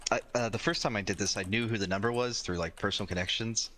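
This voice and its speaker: Man, very deep voice, quick, blunt, chatty lawyer. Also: fairly even intonation, sharp tone, a little hiss or hum. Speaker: defense lawyer. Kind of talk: in-character roleplay chat.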